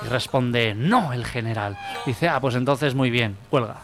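A man's voice: a little slow, over loud music. Man telling jokes on the radio. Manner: acts out the joke characters in a higher voice. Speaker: radio comedy host.

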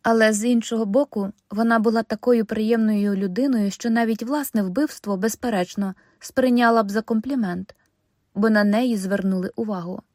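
A woman narrating an audiobook in a wry, lively storytelling manner on a close studio mic. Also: on the high side, normal speed, no room sound. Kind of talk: scripted narration.

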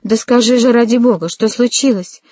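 A woman's voice: medium pitch, animated, a little slow, warm tone, slightly rough, dry recording. A woman voicing a timid, frightened middle-aged mother in an audiobook reading. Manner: timid, plaintive.

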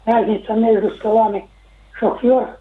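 A man's voice: high voice, flat delivery, moderate pace, dark tone, echoey room, slight background noise, low-quality recording. An older man calling in to a radio show, speaking in a formal, wordy, technical way. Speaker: caller. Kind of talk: radio call-in comment. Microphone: telephone.

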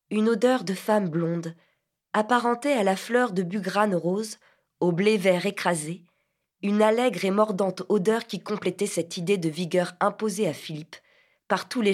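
A woman narrating a literary novel as an audiobook reader, measured and softly expressive. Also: medium pitch.

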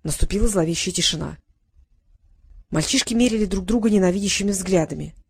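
A woman narrating an audiobook in a measured storytelling manner, close to the mic. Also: mid-range voice, vocal fry, breathy edge, no room sound. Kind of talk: scripted narration.

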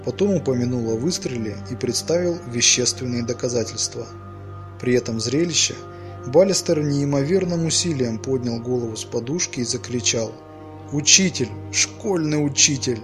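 A man narrating a dark sea tale in measured, even tones, at a middling pitch. Soft music plays faintly beneath his voice. The reading is steady and scripted. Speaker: audiobook narrator.

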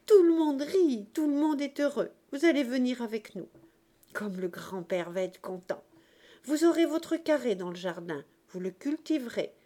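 A woman's voice: mid-range voice, warm tone, close to an everyday voice. A woman reading the part of a loving young woman, eager and tearful, with a raised, pleading voice.

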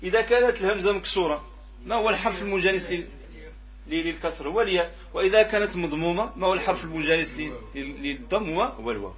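A man with a Moroccan Arabic accent teaching a tajweed lesson, asking the students questions and repeating pronunciation examples in a drawn-out way. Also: sits high. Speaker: Quran recitation teacher.

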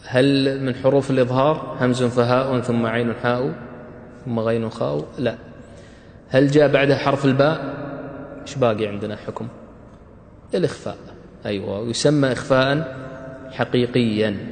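A man's voice: medium pitch, fairly even intonation, normal speed, long pauses, echoey room, big-room sound. A man teaching Quran recitation rules, quizzing his students with short questions and praising their answers.

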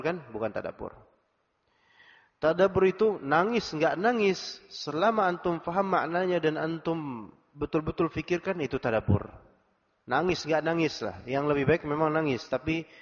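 A man giving a religious study lecture, explaining verses phrase by phrase casual colloquial asides. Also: a little high. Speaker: Islamic teacher. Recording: dull recording in a reverberant hall.

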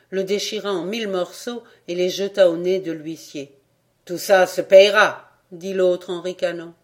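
A volunteer reader narrating a classic novel at a measured pace. The voice sits at a middling pitch, neither high nor low, and tells the story evenly. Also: a little mellow. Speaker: audiobook reader. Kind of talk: literary audiobook narration.

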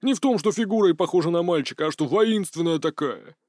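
A man's voice: a little high, lively intonation, fairly quick, darkish tone, no room sound, studio quality, close to an everyday voice. A man doing a blustering, dim man. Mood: defensive.

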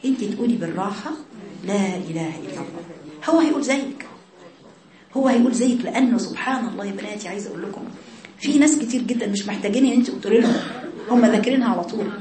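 A woman's voice: fairly high pitch, rapid-fire, echoey room, crowd noise. A woman with an Egyptian accent giving a religious lesson to young women, earnest and emphatic, repeating her key phrases. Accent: Egyptian Arabic. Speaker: religious teacher.

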